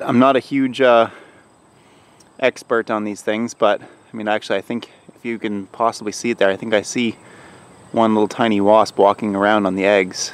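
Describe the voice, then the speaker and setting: A man casually filming a vlog outdoors in his garden, explaining things in a relaxed way, with hesitations and self-corrections. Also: fairly low pitch. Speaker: gardening vlogger.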